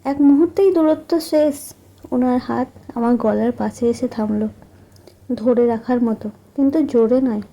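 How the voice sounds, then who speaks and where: A woman narrating a romantic story in the first person, soft, intimate and measured. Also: on the high side, creaky.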